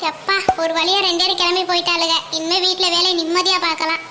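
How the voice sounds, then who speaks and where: Voice actor as bossy cartoon college girl, squeaky, noisy track. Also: little pitch movement, fast. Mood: scolding. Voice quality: very high, thin cartoon voice. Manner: scolding, bossy. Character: sharp-tongued young college girl. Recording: audible background noise.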